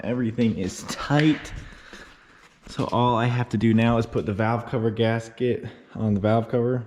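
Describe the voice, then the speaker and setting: A man's voice: on the low side, slight background noise. A man casually talking viewers step by step through timing a car engine while he works on it in a garage. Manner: relaxed step-by-step explaining, addresses viewers directly. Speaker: car repair vlogger. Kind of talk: casual how-to tutorial.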